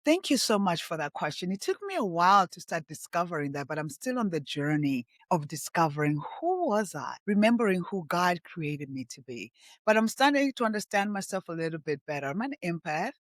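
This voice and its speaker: A middle-aged woman from Tanzania and Zambia, a podcast guest, speaks earnestly and from the heart in reflective interview talk, repeating herself for emphasis. Her voice is on the low side, very animated and fairly quick, with a clean studio sound and no room echo.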